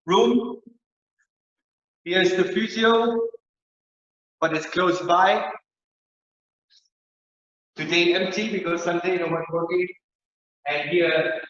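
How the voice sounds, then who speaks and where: A man's voice: fairly high pitch, fairly bright tone, slight background noise. A man teaching a rehabilitation therapy workshop online, explaining exercises in plain, simple phrasing, in a heavily echoing room with a dull, lo-fi sound. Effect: heavy echo chamber sound, dull lo-fi tone. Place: indoor rehab center rooms. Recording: very echoey room, muffled lo-fi sound.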